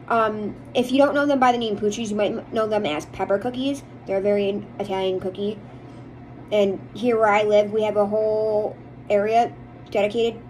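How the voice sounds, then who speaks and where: A woman's voice: mid-range voice, darkish tone, a little hiss or hum, low-quality recording. An American woman chatting casually to viewers in a rambling, opinionated way, as a vlogger does. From United States. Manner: rambling, chatty, emphatic about likes and dislikes. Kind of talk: casual chit-chat to viewers.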